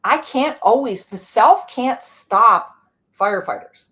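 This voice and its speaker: A woman's voice: on the high side, lively intonation, takes it slowly, sharp tone. Casual woman teacher explaining, "right?"-heavy. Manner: casual, many "like" and "right?" checks. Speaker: guest, inner-healing teacher. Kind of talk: conversational explanation in an interview.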